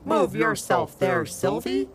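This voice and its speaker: A woman voicing a cross dragon boss with big ears, loud, bossy and barking orders. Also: on the high side, lively intonation, takes it slowly, soft background music, pitched above the performer's own voice.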